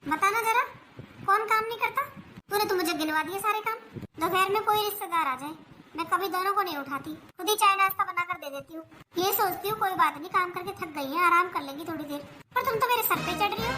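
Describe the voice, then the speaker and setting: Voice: very high voice, quick pace, sharp tone, a little hiss or hum, exaggerated voice. A performer voicing an older mother-in-law who complains about her aching knees and scolds the household, in a family comedy skit. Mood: scolding. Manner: complaining, self-pitying scolding.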